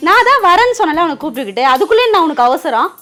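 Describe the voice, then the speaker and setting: A woman's voice: extremely high pitch, big pitch swings, rapid-fire, bright, forceful tone. A woman playing an exasperated daughter who scolds her mother in a scripted comic quarrel. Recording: music playing clearly behind.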